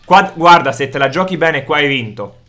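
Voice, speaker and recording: Male gaming host, bright and somewhat high voice, hypes every fight with loud shouts. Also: normal speed. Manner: energetic, exclaims loudly during fights. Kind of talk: excited gameplay commentary.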